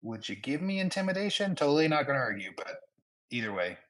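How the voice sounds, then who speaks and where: A man's voice: medium pitch, very animated, quick pace, a bit bright, rough recording. A man as a player in a tabletop game, playful and casual.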